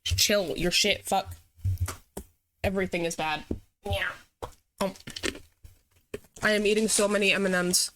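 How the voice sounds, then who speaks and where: Bright, blunt woman streaming a game. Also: medium pitch, fairly even intonation, measured pace, pauses often, slight background noise. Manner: blunt, swearing, offhand. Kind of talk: casual game stream commentary. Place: home streaming setup.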